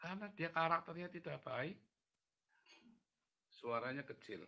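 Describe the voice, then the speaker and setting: Animated Indonesian man preaching, dry sound. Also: on the high side, measured pace, gravelly, no echo, lo-fi sound. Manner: animated storytelling, acting out voices of people and God. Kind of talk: sermon-style Q&A teaching.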